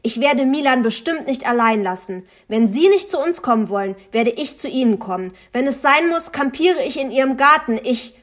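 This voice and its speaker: A woman's voice: on the high side, unhurried. A woman playing a furious young woman. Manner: angry, shouting.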